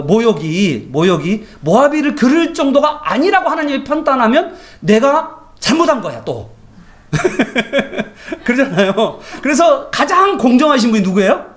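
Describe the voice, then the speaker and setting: A male pastor giving a morning devotion sermon in a colloquial, anecdotal way, often asking his listeners rhetorical questions. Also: high voice. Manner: animated, colloquial, tells everyday anecdotes; asks the congregation rhetorical questions.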